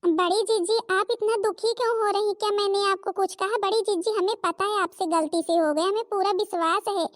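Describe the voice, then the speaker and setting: A woman voicing a loyal younger daughter-in-law who calms her mother and defends her sister-in-law in a Hindi cartoon. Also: extremely high pitch, brisk, few pauses, voice pushed up. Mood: soothing. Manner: soothing, reassuring.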